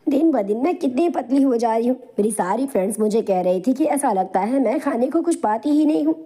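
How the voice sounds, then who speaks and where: A woman voicing a spoiled, spiteful young daughter who whines and complains in an animated storybook. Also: on the high side, fairly quick. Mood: whiny. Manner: whiny, complaining.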